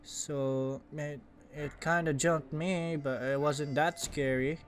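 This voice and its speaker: A man gives casual commentary while playing a horror game, with his voice worn hoarse. He is jumpy and excitable, swearing and laughing nervously. He speaks slowly, with a fairly high pitch. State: voice going hoarse. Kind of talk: casual let's-play commentary.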